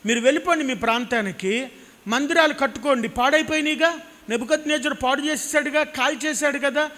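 High-voiced, bright impassioned pastor. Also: male voice, brisk. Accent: Telugu. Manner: impassioned, repeats phrases for emphasis. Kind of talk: sermon. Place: church stage with a cross backdrop. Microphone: handheld mic. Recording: hall reverb.

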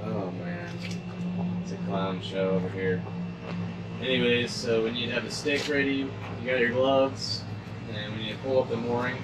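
A man's voice: medium pitch, steady tone, moderate pace, very noisy. A man narrating casually aboard a sailboat as he skippers it, matter-of-fact and explaining as he goes. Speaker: sailing vlogger and boat skipper. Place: aboard a sailboat on open water, outdoors. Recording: voice with background music. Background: music playing under the voice.

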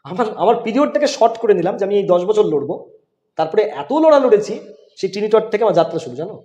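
A man's voice: high voice, expressive, very fast, mellow, muffled recording. A middle-aged man, a school headmaster, answering interview questions in an emphatic, insistent way. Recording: roomy, echoey room.

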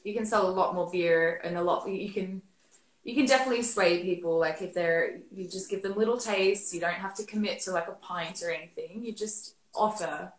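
An Australian woman in her 30s appears as a guest expert on a casual video call from her living room, using a laptop webcam that sounds roomy. Her voice is lowish and a little fast, and she's chatty, with many fillers and restarts.

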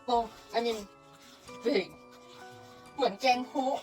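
A woman with a Thai accent chats casually for her vlog, her voice sitting a little high for a woman. She laughs often and slips English phrases into her talk. Soft music plays faintly underneath. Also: extremely slow. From Thailand. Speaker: vlogger and mother.

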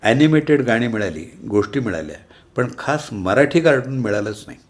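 A man with a Marathi accent reading an essay aloud in a measured, wry listing manner. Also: mid-range voice, animated. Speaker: reader of an essay. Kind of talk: read-aloud essay narration.

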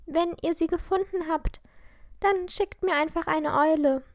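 A woman's voice: very high-pitched, steady tone, unhurried, no echo, studio quality, pitched above the performer's own voice. A woman voicing a bold teenage head girl who talks urgently and gives orders. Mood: commanding. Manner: urgent, commanding.

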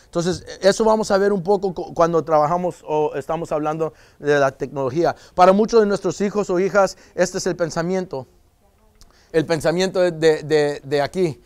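A man speaks to a room of parents as a police officer, his voice sitting high and light. He jokes and slips into quoted voices of children and mothers. The sound is close and dry. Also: normal speed, a little mellow, clear, resonant tone, no echo. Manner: joking, acts out parents and kids in quoted voices. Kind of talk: live lecture to an audience.

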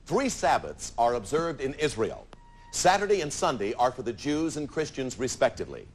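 A man hosting a TV game show, bantering playfully with contestants and reading questions briskly in a studio. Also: mid-range voice, sing-song.

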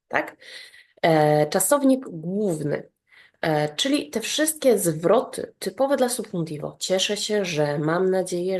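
A woman with a somewhat low-pitched voice leads an online grammar lesson. She walks through each point patiently, spells out verb endings in a steady rhythm, and keeps checking that the listener is following. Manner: explains step by step, often checks with "tak?". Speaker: Spanish teacher.

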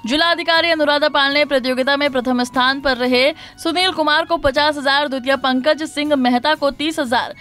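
A woman reading a scripted Hindi news report as voice-over narrator in a formal, even tone. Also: high voice, normal speed, hardly any pauses. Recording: voice-over with faint music behind.

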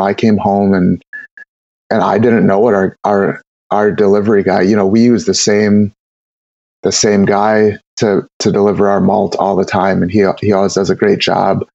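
Gravelly, rambling brewer talking shop. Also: male voice, lowish voice, a little mellow, no room sound, dull audio. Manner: rambling, with many repeated words and fillers. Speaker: guest brewer. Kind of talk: casual technical interview.

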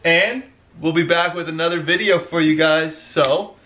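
A man's voice: a little high, normal speed, pushed and bright. A man in his twenties co-hosting a vlog in joking casual chat, often breaking into stifled giggles. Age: 20s. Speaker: vlog co-host. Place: indoor room, seated before a curtain. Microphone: camera a short distance away. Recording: echoey room with clear background noise.

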